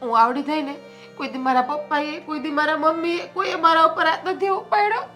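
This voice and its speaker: An actress playing a scheming elder sister-in-law in a family drama. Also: female voice, sits high, fairly even intonation, fairly quick, bright, forceful tone, faint music behind. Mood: aggrieved.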